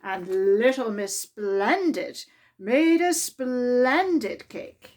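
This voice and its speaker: With a fairly high voice, a woman reads a children's storybook aloud for storytime. Her reading is deliberate and expressive, pitched to young listeners.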